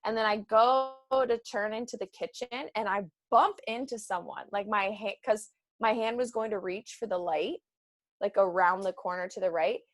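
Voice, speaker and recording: A young woman co-hosting a podcast, telling a story in casual chat and acting out quotes with big jumps in her voice. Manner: animated, acts out quotes with big pitch jumps. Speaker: podcast co-host.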